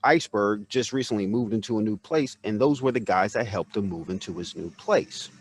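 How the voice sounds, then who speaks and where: Podcast host, male, lowish voice, loose rambling storyteller who acts out quotes. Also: a little fast, a little hiss or hum. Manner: rambling retelling full of "you know" fillers. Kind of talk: casual storytelling chat. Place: home, neighbor mowing outside.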